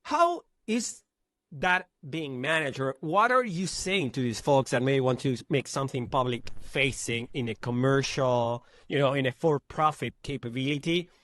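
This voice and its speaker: A man from Argentina hosting a podcast, asking questions in a relaxed, conversational way. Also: mid-range voice, normal speed, no room sound, studio quality. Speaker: podcast host. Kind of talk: casual interview chat.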